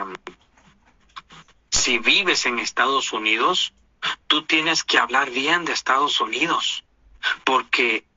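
A man with a Honduran accent speaks slowly and with emphasis, sounding indignant and preachy. His voice is bright and forceful. The recording is dry and a little dull, like lo-fi audio. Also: mid-range voice, dry recording. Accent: Honduran Spanish. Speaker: commentator. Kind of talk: opinion monologue.

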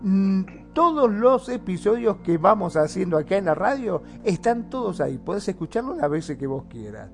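A man's voice: sits high, big pitch swings, normal speed, vocal fry, few pauses. A man with an Argentine accent speaking as a radio co-host, addressing listeners in a live sign-off style. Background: music.

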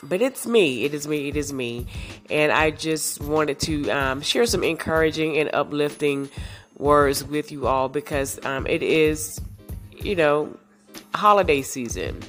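A woman's voice: low voice, measured pace, soft background music. A woman hosting a podcast, her voice congested from sinus trouble, giving reassuring words in a casual monologue full of fillers. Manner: warm, reassuring, many fillers. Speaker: podcast host.

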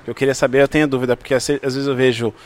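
A man's voice: medium pitch, little pitch movement, rapid-fire. A man with a Brazilian Portuguese accent hosting a podcast interview, friendly and affirming, asking eager questions. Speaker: podcast host. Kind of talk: casual interview chat.

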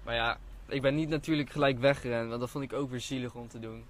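A man's voice: medium pitch, steady tone, fast talker, slight background noise. A young man, chatting casually on a podcast and telling an embarrassing story, swearing now and then. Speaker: podcast guest. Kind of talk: casual chat.

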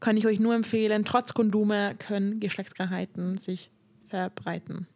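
A woman's voice: mid-range voice, normal speed, slight background noise. Chatty woman hosting a podcast. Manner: chatty, laughs often, gives relaxed advice. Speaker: podcast host. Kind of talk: casual podcast chat.

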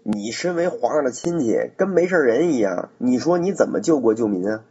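A man voicing a blunt, hot-tempered frontier general who talks forcefully and indignantly, in a storytelling recording. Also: medium pitch, animated, brisk, husky. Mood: reproachful. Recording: dull lo-fi recording.

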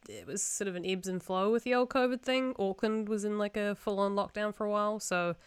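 Smooth-voiced young woman chatting on a podcast. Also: mid-range voice, brisk, dry recording, clean studio sound. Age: young adult. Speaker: podcast co-host. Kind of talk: casual conversational storytelling.

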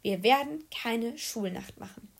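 A woman's voice: fairly high pitch, animated, unhurried, creaky, slightly rough, exaggerated voice. A woman reading a weary, firm male teacher. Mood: exasperated. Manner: firm, sighing refusals. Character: kindly but exasperated male schoolteacher.

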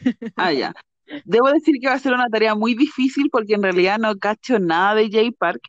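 Chilean woman co-host, calm dry humor, slightly raised pitch, muffled close recording. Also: brisk, dry recording. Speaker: podcast co-host. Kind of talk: casual chat.

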